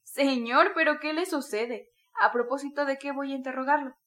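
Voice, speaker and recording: A woman's voice: on the high side, a little fast, close to an everyday voice. A woman reading the lines of a sly, chatty middle-aged male magistrate who keeps pressing in an ingratiating way.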